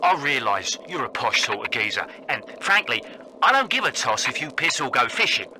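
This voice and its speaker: Man acting British geezer, blunt, rough-edged, animated intonation, video game, noisy background. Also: mid-range voice, normal speed, natural voice. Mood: blunt, scornful.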